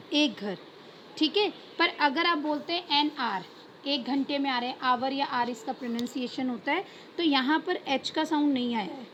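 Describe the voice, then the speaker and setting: An Indian woman with a high voice teaches a lesson. She poses questions to her students, answers them herself, and stretches out example words slowly. The recording sounds dull and muffled, with a faint hiss underneath. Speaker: English teacher. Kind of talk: classroom lesson explanation.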